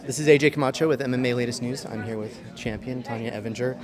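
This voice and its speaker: A man's voice: medium pitch, quick pace. A man working as a sports reporter, asking questions in a casual post-fight interview. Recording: noisy crowd behind, event venue interview. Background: crowd and venue noise.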